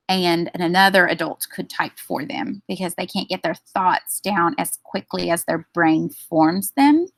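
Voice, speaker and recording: Woman presenter for a staff training, mid pitch, slightly gravelly, steady and explanatory, dry sound. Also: dry recording. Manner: explanatory, steady, with frequent ums.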